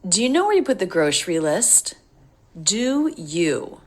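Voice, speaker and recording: A woman teaching an English pronunciation lesson, repeating words slowly and carefully. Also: mid-range voice, wildly swooping pitch, a little mellow.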